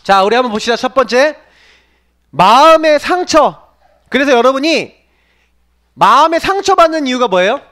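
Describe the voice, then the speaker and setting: With an extremely high, slightly bright voice, this pastor preaches to youth at a moderate pace, pausing often and swinging widely in pitch. He peppers listeners with questions and dramatizes quoted voices.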